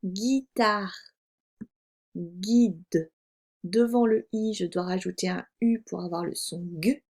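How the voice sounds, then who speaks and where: A woman's voice: medium pitch, slow, darkish tone. A woman teaching a reading lesson to young children, speaking patiently, repeating words and spelling them out letter by letter for dictation. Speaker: first-grade teacher.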